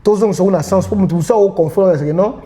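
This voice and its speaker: A man's voice: high voice, quick pace, warm tone. A man with a Congolese French accent hosting a casual discussion, switching between French and Lingala as he leads each point. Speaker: podcast host.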